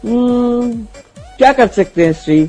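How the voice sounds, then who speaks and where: A man's voice: extremely high pitch, lively intonation, racing, a little mellow, faint music behind. A man with an Indian accent co-hosting a show with chatty banter, switching between languages. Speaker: co-host.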